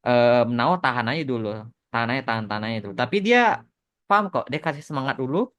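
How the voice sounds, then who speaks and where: Fielding questions on his casual podcast, this Indonesian host and animation author talks fast in a smooth, mid-range, slightly bright voice full of animation. He stresses points by repeating words and mixes English phrases into his speech.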